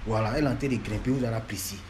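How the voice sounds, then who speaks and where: A man's voice: lowish voice, racing, noisy background. A man, lecturing and scolding fans in a repetitive, emphatic monologue. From Ivory Coast.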